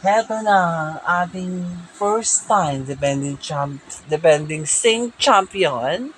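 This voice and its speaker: A woman's voice: fairly low pitch, expressive, slow pace, slight background noise, low-quality recording. A woman hosting a livestream singing contest, hyping it up and introducing each contestant, often restarting phrases mid-sentence. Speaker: show host.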